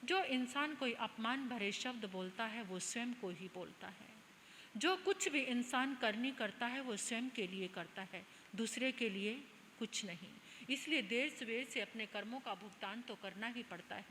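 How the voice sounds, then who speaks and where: A woman voicing a calm, wise male monk who admonishes gently in a soft, measured way. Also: a little high, big-room sound, slight background noise.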